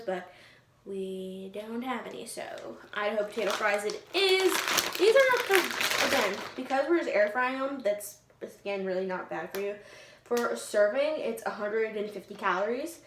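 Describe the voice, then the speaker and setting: A young woman talking casually and informally to her vlog viewers, often softening things with filler words like "like" and "kind of". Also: mid-range voice, normal speed. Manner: chatty, informal, hedging with "like" and "kind of". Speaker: fitness vlogger. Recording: roomy echo, faint background noise.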